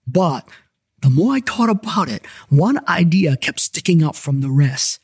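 A man's voice: fairly high pitch, very animated, measured pace, a little mellow, breathy edge, no room sound. A man narrating a paranormal detective story in the first person, with a wry, joking delivery over background music.

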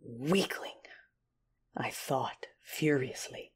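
Whispering in a bass voice and heavily acted, a woman narrates in first person as the lead of an audio drama, a proud dark Sith lady who is commanding, passionate and betrayed. She sounds hurt and furious, delivering lines with intense deliberation over background music.

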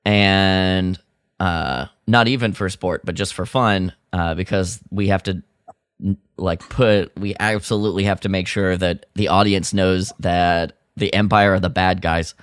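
A man co-hosting a podcast chats casually and jokingly while recapping and critiquing a radio drama, sounding exasperated and mimicking the characters' lines. His low voice is smooth, fairly even in intonation, and a little slow. The recording is dry and of studio quality.

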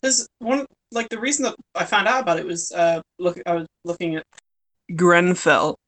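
A woman's voice: lowish voice, normal speed, a bit bright, poor audio. Giggly young British woman chatting. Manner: rambling, lots of fillers, giggly. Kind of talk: casual chat. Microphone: voice call.

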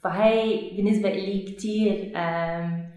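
A young woman with a non-native Levantine Arabic accent, giving interview answers haltingly, searching for words and correcting herself. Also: medium pitch, steady tone, warm tone, soft background music. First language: not Arabic, speaks it as a learner. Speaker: researcher being interviewed. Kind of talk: conversational interview answers in a learned language. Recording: very echoey, reverberant room.

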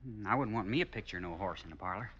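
An actor in an old-time radio drama playing a contrary, dim American outlaw sidekick, folksy and needling. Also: male voice, lowish voice, animated, very fast, fairly bright tone, slightly rough, muffled recording.

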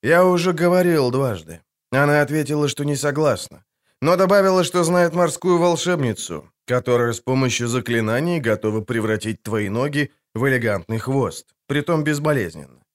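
A man reading an audiobook, voicing a stern, weary male witcher who speaks calmly and tersely. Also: mid-range voice, normal speed, lightly acted. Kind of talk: audiobook character voice.

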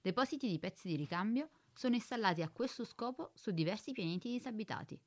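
A woman voicing a calm, precise spaceship computer in a radio drama, speaking in a flat, formal, bureaucratic way. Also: medium pitch, fast.

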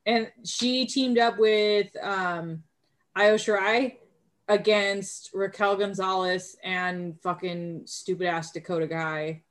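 A woman co-hosting a casual podcast chat, excitable, swearing freely and laughing often. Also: medium pitch, slow, poor audio. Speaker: podcast co-host.

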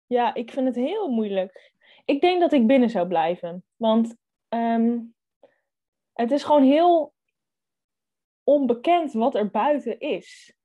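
A woman's voice: on the high side, lively intonation, takes it slowly, long pauses, warm tone. A young woman co-hosting a book podcast, reading a thriller excerpt aloud and chatting casually about it, thinking aloud with hesitant fillers.

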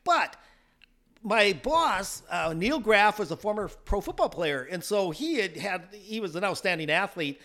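A man with a very high, bright voice co-hosts a podcast and tells stories with a lot of energy. He laughs often and acts out the voices of the people he quotes. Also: expressive, measured pace. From South Dakota. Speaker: podcast co-host. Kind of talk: casual chat.

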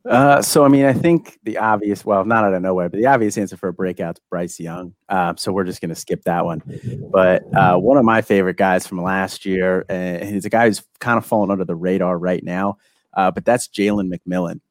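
Male guest analyst, deep register, dry sound, relaxed conversational sports breakdown. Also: brisk, no room sound. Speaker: guest football prospect analyst. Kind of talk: casual sports analysis chat.

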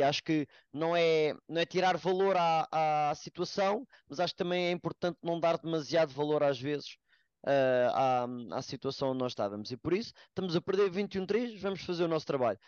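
Male podcast guest, European Portuguese accent, quick and emphatic delivery, dry slightly dull recording. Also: on the high side, no room sound. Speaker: American football player, podcast guest. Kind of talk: casual podcast discussion.

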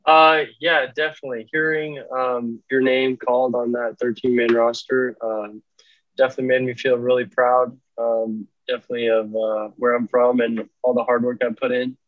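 A man's voice: medium pitch, little pitch movement, moderate pace, no room sound. A young man in his twenties, an athlete answering interview questions briefly and hesitantly over a video call. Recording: dry, dull video-call audio.

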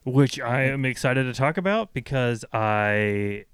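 A man from Idaho co-hosts a casual podcast, hungover and quick to laugh. His voice is smooth and clear at an even middle pitch. The sound is close and dry, with no room around it. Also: dry recording. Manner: laughing, jokey, puts on silly voices. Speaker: podcast host. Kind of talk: casual chat.

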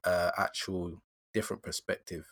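Low, dry-sounding young London man. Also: little pitch movement, moderate pace, a bit bright, dry recording. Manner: slangy, rambling, questioning. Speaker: podcast host. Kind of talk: casual podcast chat.

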